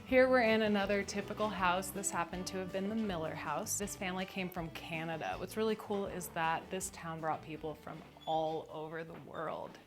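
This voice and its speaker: A woman with a fairly low voice narrates a travel vlog in the manner of a tour guide. She is chatty and enthusiastic as she tells stories straight to her viewers. Light music plays behind her. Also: moderate pace, few pauses. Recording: background music under the voice.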